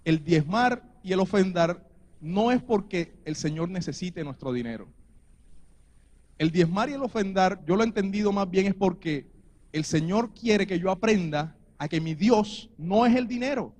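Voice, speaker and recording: Colombian male preacher, high voice, earnest sermon, rises to emphatic urging. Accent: Colombian Spanish. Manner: earnest, building to emphatic exhortation.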